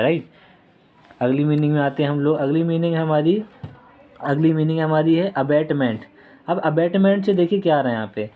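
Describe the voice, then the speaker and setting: A man's voice: on the high side, mellow. A man giving a casual vocabulary lesson, mixing Hindi with English words and repeating each word several times. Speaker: vocabulary tutor.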